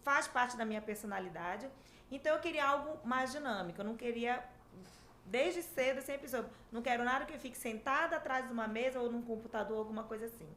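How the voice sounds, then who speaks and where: A woman in her fifties from Manaus with an Amazonas accent, a dentistry professor telling her story as a podcast guest in a lively, chatty way. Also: fairly high pitch, fast. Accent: Amazonas Brazilian Portuguese. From Manaus, Brazil. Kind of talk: casual interview chat. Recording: echoey room, faint background hiss.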